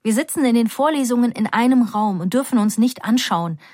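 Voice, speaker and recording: A woman's voice: fairly high pitch, fairly quick, no echo, clean studio sound. Woman voicing a fiery, defiant young student. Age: young adult. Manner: urgent, excited, outspoken.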